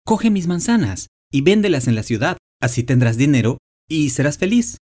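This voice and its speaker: A selfless talking apple tree from a storybook speaks in a tender, coaxing voice, performed by a man. The voice sits noticeably higher than the reader's own and leans forward with warmth and longing. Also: very animated, moderate pace.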